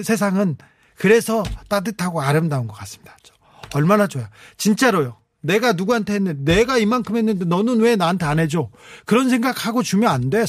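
A man hosting a late-night radio show, chatting and reading listener messages with warm, teasing asides. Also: sits high, dry recording, clean studio sound. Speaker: radio DJ host. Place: radio studio. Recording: music playing faintly behind.

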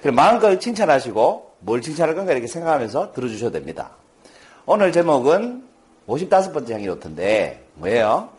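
Lively, animated male talk host. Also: mid-range voice, fairly quick. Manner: lively, asks the listener questions and answers them himself. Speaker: lecturer hosting a talk series. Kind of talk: storytelling talk with rhetorical questions.

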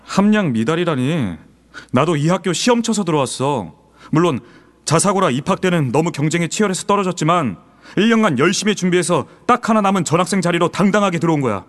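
An actor playing a polite, humble transfer student in an audio drama, with a mild, earnest delivery. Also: male voice, fairly high pitch, animated, quick pace, close to an everyday voice. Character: earnest, polite, humble high school transfer student, later grown lawyer.

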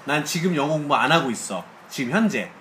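Lively, bright-voiced man teaching English. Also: on the high side, quick pace, slight background noise. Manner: animated, praising, drilling phrases aloud. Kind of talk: live English lesson with a student.

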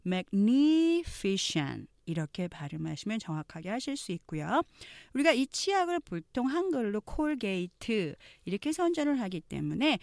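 A woman's voice: fairly low pitch, creaky, no room sound, clean studio sound. A woman teaching English pronunciation in an online lesson. She explains each point step by step and coaches learners to repeat after her. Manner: slow, exaggerated model readings of English phrases.

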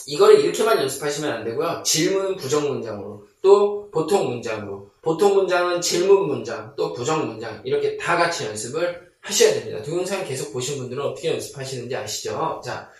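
A man teaching a basic English lesson, drilling sentences slowly, repeating them and checking that viewers follow. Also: fairly high pitch, heavy reverb, recorded from a distance. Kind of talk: online lesson.

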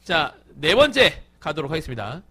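A young male podcast host who runs the segments with emcee energy and laughs a lot. His high, bright voice swings widely in pitch and has a slightly husky edge. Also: moderate pace. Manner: lively emcee, laughs often, leads segments. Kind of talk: casual fan podcast chat.

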